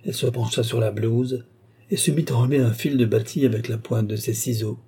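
Guy reading a novel aloud, calm and steady, mellow tone. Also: mid-range voice, fairly quick, breathy edge. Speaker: audiobook reader. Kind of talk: scripted literary narration.

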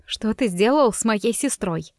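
A woman's voice: a little high, lively intonation, measured pace, no echo. A frightened young bride , played by a woman reader, pushes back with a trembling, pleading voice. The audiobook sound is dry and close, with no room around it. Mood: defiant. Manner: shaky, pleading.

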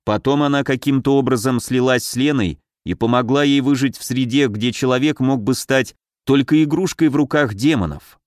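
A man narrating a fantasy audiobook in a steady, even reading voice. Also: mid-range voice, moderate pace, hardly any pauses, no echo, studio quality.

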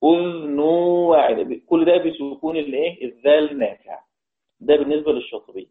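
A man with an Egyptian Arabic accent teaches Quran readings in an online class. His voice sits a little high, and he asks the class questions and answers them himself. He slows down to chant each quoted verse, and the audio is thin and phone-like, as over a call.

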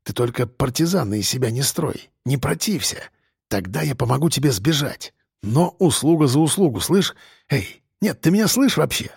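A man's voice: mid-range voice, expressive, normal speed, gravelly, husky, no room sound, studio quality, exaggerated voice. A man voicing a scheming, streetwise male convict who talks in slang and presses with questions. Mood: wheedling.

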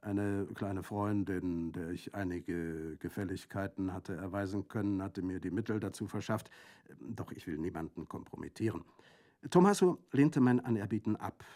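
A cool-headed bandit recounts his tale with dry, ironic calm, as a male reader plays him. He is unhurried and wry. It is an audiobook reading. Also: low-pitched, close to an everyday voice. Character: cool, witty middle-aged male bandit.

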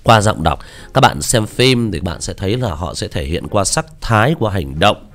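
Casting: low-voiced male audiobook narrator, lively pitch, rambling casual talk. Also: normal speed, faint music behind. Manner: chatty, hesitant, many fillers. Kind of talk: casual chat about voice acting.

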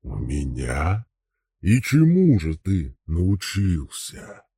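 A vast, weary dragon drawls its questions in a very deep, husky rumble. It speaks slowly and from a cool distance, in a storybook telling. The recording is dry and close. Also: male voice, huge pitch swings, dark tone, dry recording, exaggerated voice. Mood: aloof. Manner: slow, questioning, aloof. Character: ancient brooding male dragon, huge and weary. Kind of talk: audiobook character voice.

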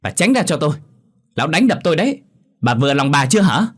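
Man doing a bratty young woman, high and shrill, mocking her folks, horror story reading. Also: very animated, fast, slightly rough. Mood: scornful. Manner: shrill, mocking, shouting insults. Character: defiant rude young woman, daughter, scornful.

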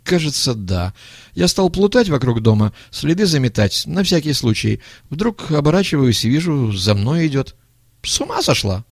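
Man putting on a jittery high-voiced young thug. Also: normal speed, no room sound, studio quality. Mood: nervous. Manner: high-pitched, excitable, stammering excuses. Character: jittery young male accomplice, boastful then panicky.

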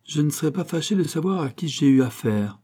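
A man's voice: on the high side, animated, a little fast, mellow, slightly rough, voice pushed up. A man reading an audiobook, voicing a proud cavalry colonel who challenges his opponent boldly but courteously. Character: proud Russian cavalry colonel, a gallant duelist.

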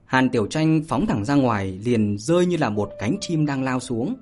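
A man reading a martial arts novel aloud as narrator, steady and unhurried, with small fillers. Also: medium pitch. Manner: steady storytelling with spoken fillers. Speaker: audiobook narrator. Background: faint music.

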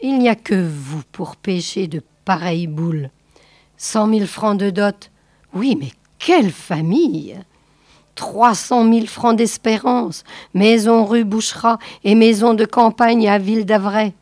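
A woman's voice: medium pitch, measured pace, darkish tone, no echo, clean studio sound, natural voice. A woman voicing a shrewd, crafty male art dealer who speaks in a persuasive, confiding way.

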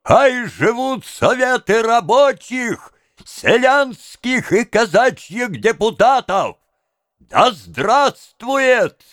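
A man's voice: extremely high pitch, sing-song, fairly bright tone, dry recording, clean studio sound, pitched above the performer's own voice, heavily acted. A man doing a fiery street orator. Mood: rousing. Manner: slow, declaiming, arms raised to the crowd.

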